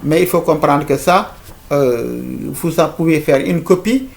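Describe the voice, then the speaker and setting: A man's voice: on the high side, measured pace, creaky. A man teaching an informal video lesson, hesitant, with many fillers, restarts and repeated words. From Africa.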